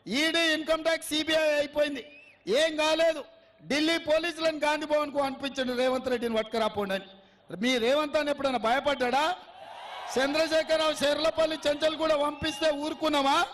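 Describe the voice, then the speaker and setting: A man with a Telangana accent delivers a fiery rally speech in a very high, strained pitch. He is rousing and rhetorical, hammering the crowd with repeated questions. His voice trails a long reverb from a public address system. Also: a bit bright. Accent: Telangana Telugu. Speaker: political speaker at a rally.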